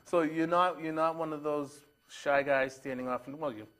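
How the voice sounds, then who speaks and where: A man's voice: on the high side, steady tone, normal speed, a bit bright. A man hosting a local TV arts show, chatting casually and joking with a guest. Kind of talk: casual interview chat.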